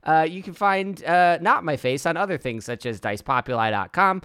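A man's voice: fairly high pitch, expressive, moderate pace, bright, forceful tone, clear, resonant tone, dry recording, clean studio sound. A man hosting a podcast in loose, rambling chat, laughing often. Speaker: podcast host. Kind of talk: casual chat.

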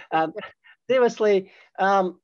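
A man's voice: high-pitched, extremely slow, muffled recording. An older man from Hong Kong, a podcast guest, explaining risk assessment in a chatty, self-deprecating way. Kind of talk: conversational interview.

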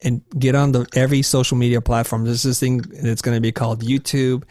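A man being interviewed as a guest, telling stories from his career in an animated way. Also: medium pitch, fairly quick, dry recording, studio quality. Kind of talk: interview conversation.

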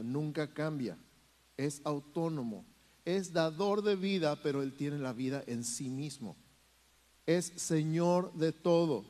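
Pastor preaching in a reverberant hall. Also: male voice, on the high side, a little mellow. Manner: teaching, reads scripture aloud, addresses congregation. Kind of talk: sermon. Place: church hall.

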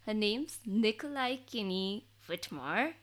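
A woman co-hosting an interview podcast in a bubbly, chatty way, laughing often and filling pauses with ums. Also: medium pitch, expressive. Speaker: podcast co-host. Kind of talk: casual interview chat.

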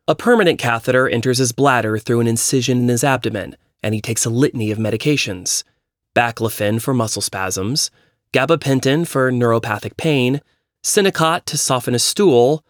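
A man narrating a personal essay in a measured, reflective reading voice. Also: mid-range voice, no room sound, studio quality.

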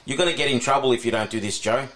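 A man's voice: medium pitch, racing, a loud crowd. A man with an Australian accent co-hosting a radio show with casual, joking, matey banter.

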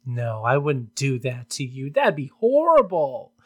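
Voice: mid-range voice, big pitch swings, a little slow, fairly bright tone. A podcast host chatting casually and solo in a campy, tongue-in-cheek manner. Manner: campy, tongue-in-cheek, addresses listeners as darlings.

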